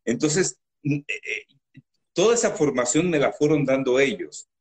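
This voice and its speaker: A man with a Mexican accent, a guest in an interview, telling stories from his life in a loud, animated, emotional way. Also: fairly high pitch, unhurried. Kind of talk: emotional storytelling.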